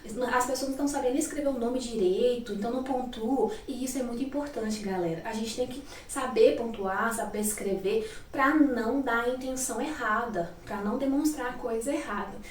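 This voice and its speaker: A high-pitched Brazilian woman teaches a relaxed grammar class in a chatty way, tagging her sentences with quick checks to her students. Her voice comes from a little way off the mic. The room is echoey, with faint noise behind her. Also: recorded from a distance. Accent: Brazilian Portuguese. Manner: chatty, checks in with frequent tag questions. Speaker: English teacher. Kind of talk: casual classroom-style grammar lesson.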